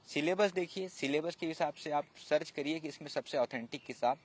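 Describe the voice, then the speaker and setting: A man's voice: a little high, fairly quick, slight background noise. A man who is a civil services officer, giving preparation advice as a guest in an interview, explaining patiently and repeating his key points.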